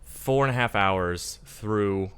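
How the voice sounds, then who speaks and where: A man co-hosting a talk show, cracking quick jokes and telling stories. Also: on the low side, a bit bright, clear, resonant tone. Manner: quick jokey asides, storytelling. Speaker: co-host. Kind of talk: casual talk show banter.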